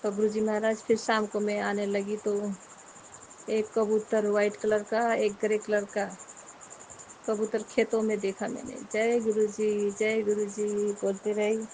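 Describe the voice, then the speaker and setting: A middle-aged woman tells her guru about her day in homely, rambling devotional talk, addressing him again and again. Her voice is mellow and dark, her pitch stays flat and even, and crickets chirp faintly in the background. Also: measured pace, a little hiss or hum, rough recording.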